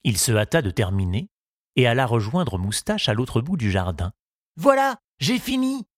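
A man narrating a children's audiobook in a slow, gentle storytelling manner. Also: on the low side, sing-song, dry recording, studio quality.

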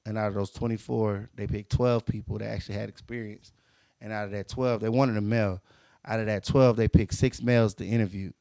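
A young man tells his own story on a podcast, circling back to correct himself and repeating the key points for emphasis. His voice sits low with a gravelly fry. The recording is dry and close, with no room around it. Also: steady tone, fairly quick, mellow, no room sound. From Mississippi. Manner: rambling, self-correcting, emphatic repetitions. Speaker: podcast host. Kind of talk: casual storytelling monologue.

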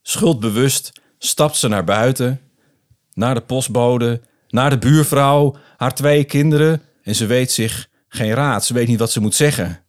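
A man's voice: medium pitch, a little slow. A man co-hosting a podcast, narrating an improvised story and slipping into a character's inner thoughts. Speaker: podcast co-host.

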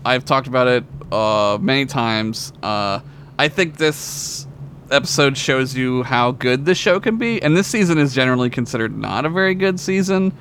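Man, podcast co-host, casual fan chat, enthusiastic, halting, sweary, medium pitch, some background noise. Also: a bit bright. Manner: enthusiastic, profane, halting phrasing. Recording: clearly audible background noise.

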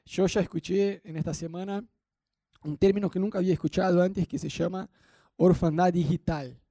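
High-voiced Rioplatense Spanish preacher, dark tone. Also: male voice, steady tone, a little fast, dry recording, studio quality. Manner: conversational, asks the congregation questions. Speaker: pastor. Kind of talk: sermon.

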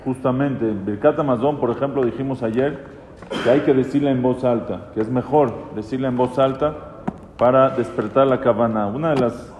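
Man, rabbi, teaching a class, mellow voice, echoey room with a long reverb. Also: mid-range voice, normal speed, a little hiss or hum. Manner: explanatory, quoting Hebrew texts, asks the listeners questions. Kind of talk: Torah class.

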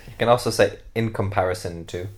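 A man co-hosting a podcast for English learners. He explains phrases patiently, with many ums and pauses. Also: fairly low pitch. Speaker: podcast co-host. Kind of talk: casual chat explaining English usage.

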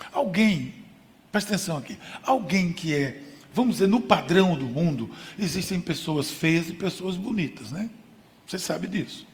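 A man preaching a sermon with emphasis, using contrasts and rhetorical questions. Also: on the high side. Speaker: pastor. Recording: long hall reverb.

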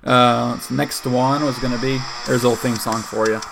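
A man hosting a casual podcast chat, brisk and keen to keep things moving. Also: medium pitch, steady tone, creaky. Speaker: podcast host. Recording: faint background noise and clicks.

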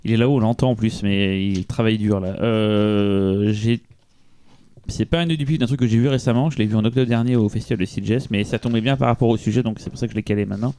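A man co-hosting a podcast presents a film in casual, rambling chat, frequently restarting and hesitating. His voice is fairly low, mellow and smooth, and he talks at a quick pace.

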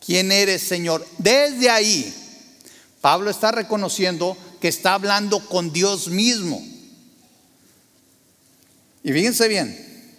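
A man's voice: high-pitched, animated, takes it slowly, pauses often, fairly bright tone, in a large hall. A man preaching a sermon, asking the congregation questions and acting out quotes. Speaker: pastor.

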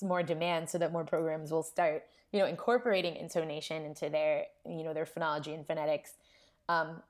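Casual academic woman with a lowish voice. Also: darkish tone. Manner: informal, frequent "like" and checking "right?". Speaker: academic researcher, interview guest.

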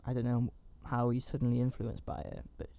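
A man's voice: medium pitch, fairly quick, vocal fry, mellow. A man giving a casual, rambling recap of a horror movie, with chatty asides and fillers. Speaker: film reviewer.

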